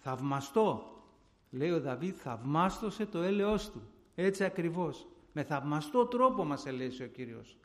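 A man with a high voice preaches a personal testimony to his congregation. His delivery is fervent and repetitive, and he keeps turning to his listeners as brothers and sisters. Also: big pitch swings.

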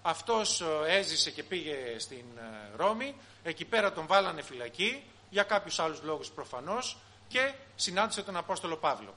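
A man preaching a sermon to his congregation, asking rhetorical questions and briefly acting out the people he quotes. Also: a little high. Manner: animated, rhetorical questions, acts out quoted voices.

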